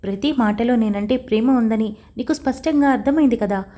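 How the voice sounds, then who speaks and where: A woman's voice: a little high, a little fast, warm tone, close to an everyday voice. A woman reading the lines of a stern, blunt young husband in an audio story, demanding answers directly.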